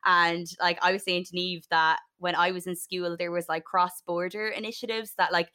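Young female podcast co-host, west of Ireland accent, lowish register, earnest and conversational with halting phrasing. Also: little pitch movement, sharp tone. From Sligo, west of Ireland. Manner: earnest, hesitant, frequent "like". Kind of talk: casual discussion.

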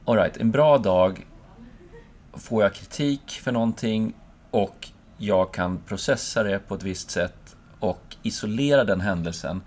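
A man, a speaker who gives lectures, reflecting aloud in a relaxed conversation, searching for words and acting out his own inner voice. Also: lowish voice.

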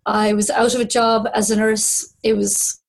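A woman's voice: on the high side, level tone, unhurried, vocal fry. Woman with a west of Ireland Kerry accent. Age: 50s. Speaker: storyteller at a storytelling event. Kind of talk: live personal storytelling.

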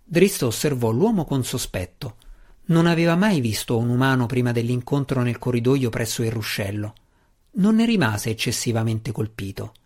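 A man reading a fantasy novel aloud as audiobook narrator, in a steady, measured way. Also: mid-range voice. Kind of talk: scripted narration.

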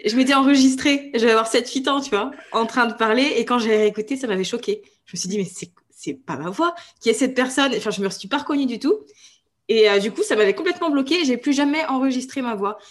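Animated woman podcast host. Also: fairly high pitch, fast talker. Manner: animated storytelling, warm agreement. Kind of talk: conversational interview.

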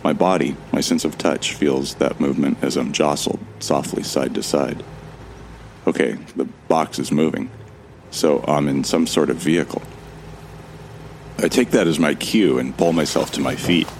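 In an audio drama, an extremely low-pitched male narrator voices a self-deprecating amnesiac survivor, calm and wry in tone. He speaks in a gravelly, measured, introspective manner, with slight background noise in the recording.

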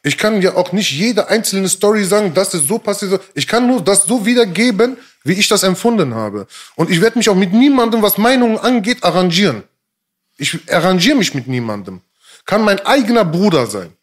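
A man with a high voice that leaps around a lot, talking as a rapper guest in a relaxed interview. He speaks emphatically in street slang, says things twice and keeps checking that his listener is following. The talk is casual and frank. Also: brisk.

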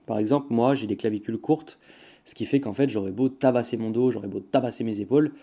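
A man's voice: medium pitch, fast, warm tone. A young man hosting a casual solo podcast, rambling with many fillers and restarts while talking straight to the listener. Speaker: podcast host.

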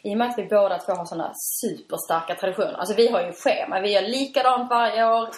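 Chatty woman wedding coordinator, echoey room. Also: mid-range voice. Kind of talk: casual chat.

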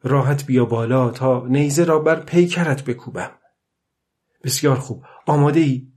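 A man's voice: medium pitch, a little mellow, lightly acted. A man voicing a weary old fisherman who talks aloud to the fish and to himself, strained and pleading, in a storybook reading. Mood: coaxing.

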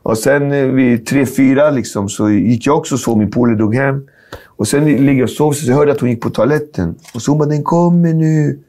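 A middle-aged man, telling a personal story in a casual conversation, animated and full of slang and fillers. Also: mid-range voice. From Sweden. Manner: animated, acts out dialogue, street slang, lots of filler. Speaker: guest.

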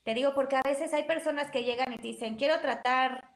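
High-voiced woman in an echoey room. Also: fast. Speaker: guest practitioner. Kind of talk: casual explanatory talk.

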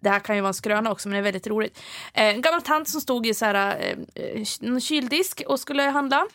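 A woman's voice: a little high, fairly bright tone, dry recording. A young woman co-hosting a podcast in casual chat, joking and playful. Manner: playful, joking, quick asides. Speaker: podcast co-host.

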